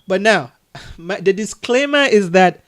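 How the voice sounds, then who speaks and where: Man from Cameroon, Cameroonian accent, high voice, earnest and halting over a video call. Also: lively intonation. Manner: earnest, many restarts and soft laughs. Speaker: adoption agency leader. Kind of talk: casual video call conversation.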